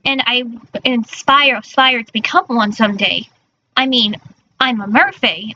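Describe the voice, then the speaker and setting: A woman's voice: on the high side, a little slow, sharp tone. A woman chatting casually on a livestream in a cute, girlish anime-streamer manner, often stumbling over her words. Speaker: streamer, virtual character persona. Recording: dull lo-fi mic with faint noise.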